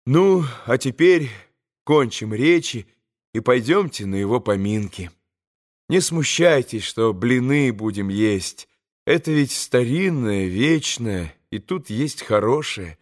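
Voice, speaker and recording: A man doing an earnest, gentle young speaker. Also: medium pitch, animated, slow. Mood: joyful. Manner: tender, earnest oratory. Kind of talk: audiobook character reading.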